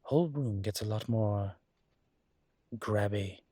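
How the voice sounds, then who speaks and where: With a warm, lowish voice and no echo, a man portrays a suave demon professor in an intimate audio roleplay. Though his style is courtly, teasing, and flirtatious, with formal wording and hesitant pauses, here he sounds measured and explanatory.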